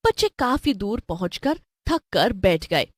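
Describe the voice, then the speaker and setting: A woman narrating a cartoon story in an expressive, lively storybook style. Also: medium pitch, unhurried, dry recording, studio quality.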